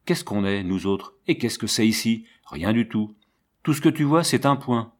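A man voicing a weary, haunted soldier who speaks in a slow, brooding way. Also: on the low side, lively intonation. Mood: grim brooding.

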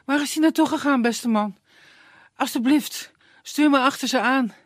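A man's voice: very high voice, normal speed, no room sound, clean studio sound, voice pushed up. A storyteller voicing a lovesick young woman who pleads anxiously for directions in a puppet tale. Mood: pleading.

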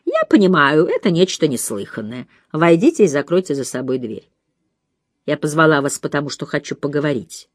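Casting: a woman voicing a calm, shrewd old lady detective, low-set and deliberate, for an audiobook. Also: no room sound. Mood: firm. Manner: measured, thoughtful, dry. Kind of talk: audiobook reading.

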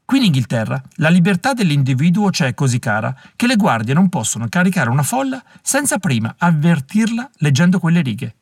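A smug, amused male aristocrat murmuring wry asides in a storybook reading, as a male narrator puts him on. The delivery is lively in pitch and the recording is close and dry. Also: brisk, hardly any pauses, husky, dry recording, heavily acted.

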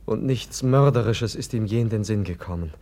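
An actor playing a gentle, ailing young prince in a 1950s radio play, mild but firm in manner. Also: male voice, on the low side, moderate pace, lightly acted.

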